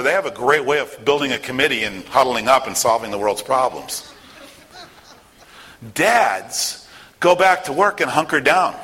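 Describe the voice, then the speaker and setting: Middle-aged guy giving a motivational talk, husky voice, long hall reverb, earnest storyteller. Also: mid-range voice, sharp tone. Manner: earnest, storytelling, self-deprecating. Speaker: speaker sharing a personal story.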